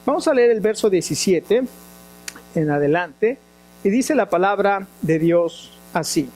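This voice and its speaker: A woman preaching a sermon and reading scripture aloud, earnest and slowing down for emphasis. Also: medium pitch, expressive, darkish tone.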